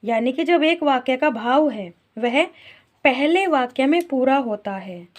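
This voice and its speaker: A woman's voice: high voice, expressive. A woman teacher explaining a grammar lesson to young pupils, asking questions and then answering them herself. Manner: slow, questioning, answers her own questions.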